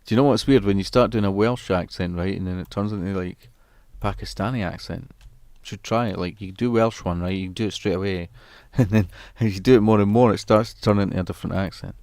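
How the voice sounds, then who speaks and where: A man's voice: fairly low pitch, a little mellow, dry recording. A young man chatting casually with his live-stream viewers, rambling and chuckling as he reads their comments, sometimes drifting away from the mic. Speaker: musician streamer.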